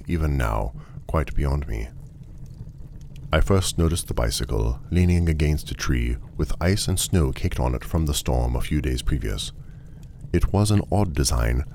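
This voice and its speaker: A man's voice: very deep voice, darkish tone, slight background noise. A man narrating a first-person story in a dry, wry, genteel manner.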